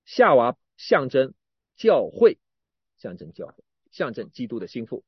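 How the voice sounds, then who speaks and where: A man preaches a sermon with a husky voice and a lively, swooping pitch. He keeps restarting and repeating words, rising to emphatic bursts and dropping to quiet asides. The recording is dull and dry, with no room sound. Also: unhurried, no echo.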